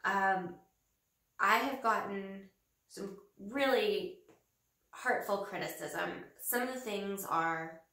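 Her mid-range voice has a sharp tone and a slight nasality from a cold. She is a woman in her thirties vlogging casually from a small home office, speaking earnestly but slowly and hesitantly with lots of fillers. The camera picks her up from a slight distance in a roomy space.

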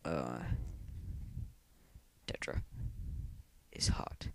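A man's voice: extremely slow, a bit bright, whispered. A thirteen-year-old boy rambling through casual live game commentary at home on a computer mic, with lots of ums and mumbled asides. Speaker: let's player. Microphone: computer mic, clipping when loud.

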